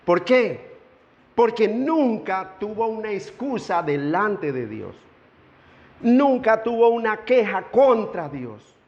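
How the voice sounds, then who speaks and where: High-voiced preaching man in a reverberant hall. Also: big pitch swings. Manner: earnest preaching, slowing down for emphasis. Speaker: pastor. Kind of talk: sermon. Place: church sanctuary. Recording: dull lo-fi church hall with long reverb.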